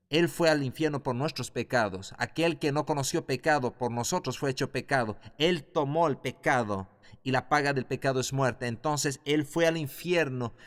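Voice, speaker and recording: A man teaching a Bible class in a fervent preaching style, building to loud exclamations. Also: medium pitch. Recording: long hall reverb.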